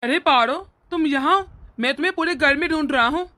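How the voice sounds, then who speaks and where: For a cartoon, a woman voices a hot-tempered young husband who is also a doting brother. Her voice sits high, pushed and bright, and the delivery is earnest and quick to anger.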